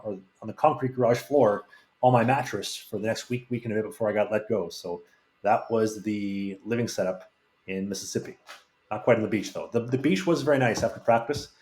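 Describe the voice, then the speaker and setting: Fast-talking man with a roomy echo. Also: mid-range voice, darkish tone. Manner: rambling, frank anecdotes with many restarts. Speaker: podcast guest. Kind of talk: casual storytelling.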